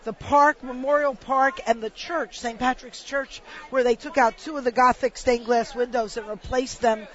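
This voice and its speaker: A woman's voice: fairly high pitch, fairly even intonation, moderate pace, few pauses, fairly bright tone, muffled recording. A woman hosting a radio travel show, speaking in an informative, friendly way.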